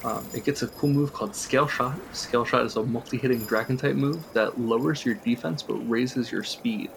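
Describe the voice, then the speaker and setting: A man's voice: mid-range voice, a little fast, gravelly, a little hiss or hum. A man co-hosting a podcast in casual chat, explaining game strategy at length and chuckling often. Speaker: podcast co-host.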